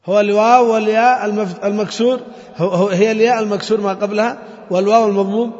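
A man with a high-pitched voice teaches a class, stopping often to quiz the students and repeat key terms. The recording is dull and lo-fi, and his voice rings with a long room echo. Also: steady tone, racing, darkish tone. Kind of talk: classroom lesson on Arabic morphology.

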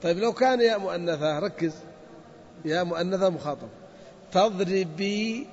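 A man teaching a grammar lesson to a class. He drills the students with questions and drags out the example words slowly. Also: high-pitched, expressive, a little mellow. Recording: dull audio with long reverb.

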